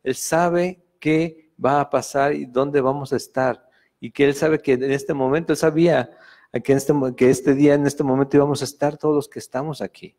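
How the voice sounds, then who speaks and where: In a church meeting room, a pastor with a Mexican Spanish accent talks through a Sunday Bible study sermon at a moderate pace. His medium-pitched voice is a little mellow, with fairly even intonation. He often uses fillers and corrects himself as he goes, in a conversational style.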